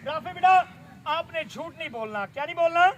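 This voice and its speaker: A middle-aged man, performing magic tricks for schoolchildren outdoors, loud and showy, coaxing the kids along. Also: extremely high pitch, lively intonation, normal speed. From Pakistan. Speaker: stage magician. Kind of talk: live magic show patter for schoolchildren. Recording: noisy outdoor crowd. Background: crowd of children and street noise.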